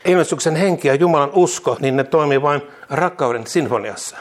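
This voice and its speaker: A man preaching and leading prayer, repeating each phrase twice with bursts of laughter and exclamations. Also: fairly high pitch. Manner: fervent declarations, calmer teaching later. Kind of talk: charismatic sermon and prayer.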